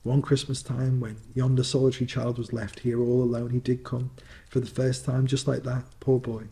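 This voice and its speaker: An old miser of childlike feeling, acted out by a man, in storybook fireside storytelling. He exclaims and repeats himself in a mellow voice. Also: mid-range voice, flat delivery, normal speed, lightly acted. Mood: excited. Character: old miser, childlike in excitement and wistful regret.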